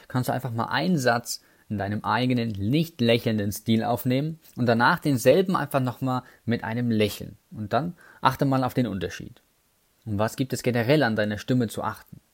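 A man's voice: medium pitch, a little mellow. A man explaining sales call techniques in an instructional talk, addressing the listener directly with numbered tips and casual asides. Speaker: sales trainer.

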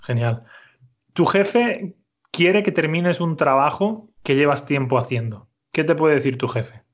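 A man teaching a Spanish lesson, speaking slowly and clearly and repeating his student's answers. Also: fairly high pitch, lively intonation, dull audio. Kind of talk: conversational language lesson.

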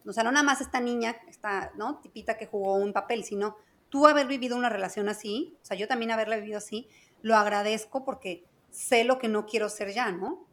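Frank Mexican woman, slightly high voice. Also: a little fast, fairly bright tone. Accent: Mexican Spanish. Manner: frank and emphatic, repeats key phrases. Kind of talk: casual chat.

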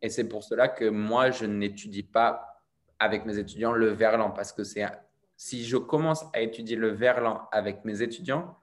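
A man's voice: fairly low pitch, normal speed. A man from France who teaches French, talking casually and explaining his views with frequent restarts. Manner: thoughtful, explaining with many restarts. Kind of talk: casual conversation.

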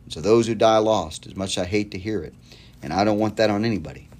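A man's voice: fast talker, darkish tone. Male preacher, earnest and pleading, talks straight to the listener, loose with restarts. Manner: earnest, pleading, rises in pitch for appeals; fillers and repeated words, conversational. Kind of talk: recorded sermon series, addressing listener.

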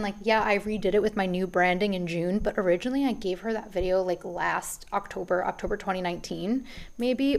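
A woman's voice: medium pitch, gravelly. A woman hosting a podcast, talking in a casual, rambling way with many restarts, a little out of breath. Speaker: podcast host. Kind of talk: casual business podcast monologue.

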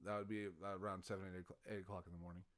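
A man's voice: low voice, little pitch movement, rapid-fire, a bit bright. A man running a tabletop game as game master, rambling and correcting himself, laughing often.

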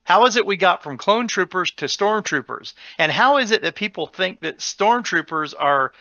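A man co-hosting a podcast in casual chat, rambling with many restarts and getting animated as he explains. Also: high voice, normal speed, no room sound, highs cut off. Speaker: podcast co-host.

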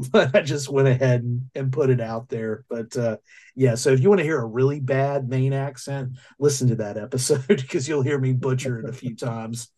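A man's voice: medium pitch, moderate pace, warm tone. A man hosting a podcast, chatting casually and rambling with lots of fillers and restarts. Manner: rambling, hesitant with many fillers. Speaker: podcast host. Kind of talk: casual chat.

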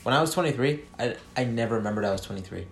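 A man's voice: medium pitch, animated, rapid-fire, gravelly, reverberant, slight background noise. A man in his twenties co-hosting a podcast, joking and teasing his friend in casual chat. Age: 20s. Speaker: podcast co-host.

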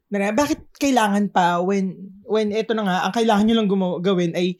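A man's voice: high-pitched, fairly quick. A male podcast co-host in casual conversation. He tells long, meandering stories and drifts between Tagalog and English as he talks. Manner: rambling storyteller, mixes English into Tagalog.

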